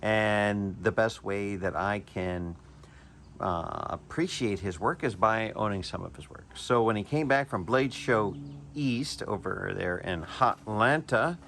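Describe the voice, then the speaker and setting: A man with a fairly low voice talks casually through a show-and-tell of a collectible knife, eager and chatty and often restarting his sentences. A faint hiss sits under his voice. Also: slow, vocal fry, fairly bright tone. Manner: chatty and enthusiastic, with chuckles and hesitant restarts. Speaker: knife collector reviewing a purchase.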